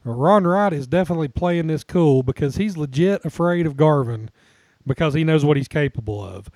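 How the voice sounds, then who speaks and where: A man's voice: a little high, lively intonation, moderate pace, darkish tone, dry recording. A man co-hosting a casual podcast, chatting and laughing with frequent restarts. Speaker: podcast co-host. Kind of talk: casual chat about wrestling.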